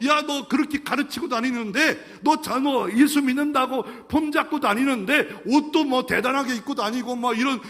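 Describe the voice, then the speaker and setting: A man's voice: very high voice, moderate pace, few pauses, fairly bright tone, big-room sound, voice pushed up. A man voicing a stern adult male teacher who bluntly scolds and mocks a proud scholar. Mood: scolding. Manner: blunt, mocking, rebuking.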